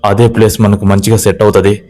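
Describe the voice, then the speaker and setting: A man's voice: on the low side, little pitch movement, faint music behind, natural voice. A man voicing a desperate, hot-headed young village man in a spoken ghost story. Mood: persuading. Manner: pleading, demanding, quick to shout.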